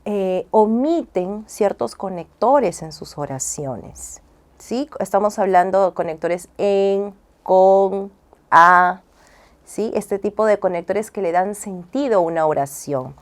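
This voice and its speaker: A woman's voice: medium pitch, takes it slowly. A woman speech and language therapist explains things to a listener in a patient, teacherly way. She keeps checking in with short tag questions. Now and then she sounds out syllable drills the way she would with a child. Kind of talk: explaining as an interview guest.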